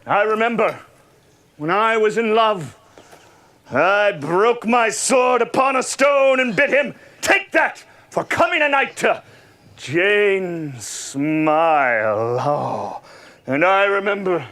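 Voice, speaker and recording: A boisterous, mock-grand court fool in a stage Shakespeare comedy. The delivery is hammy and theatrical, with a sharp, forceful high voice that swoops widely. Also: male voice, animated, slow, full character voice. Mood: mock nostalgia.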